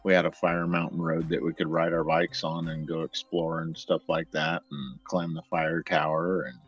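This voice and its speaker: A man from the San Diego area hosting a casual chat, telling stories in a relaxed, rambling way. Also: extremely low pitch, normal speed, husky, lo-fi sound, soft background music. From San Diego area, United States. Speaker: host.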